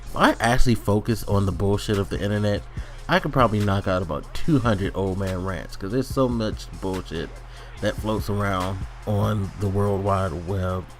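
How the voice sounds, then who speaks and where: A man's voice: fairly low pitch, moderate pace. A middle-aged man giving a casual, slangy back-in-my-day old-man rant to his online viewers, grumbling and exasperated. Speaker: online video ranter. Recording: music playing under the voice. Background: background music.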